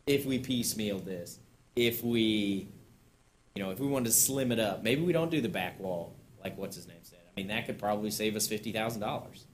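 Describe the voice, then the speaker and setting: Low-voiced man rambling at a meeting. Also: animated, fairly quick. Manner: casual, rambling, chuckles between points. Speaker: parks director presenting to a board. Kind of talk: public meeting discussion. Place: town council chamber, indoors.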